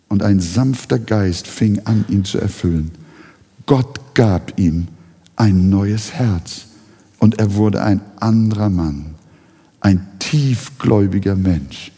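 A male pastor preaching a sermon in a slow, dramatic storytelling manner. His dark, gravelly voice rings out in a reverberant church hall. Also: lowish voice.

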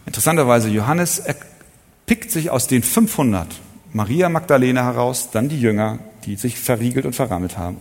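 A man delivers a sermon in a husky, somewhat breathy voice of ordinary pitch. He speaks earnestly, poses rhetorical questions and draws out key phrases slowly. His words ring on in the long reverb of a large hall. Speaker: preacher.

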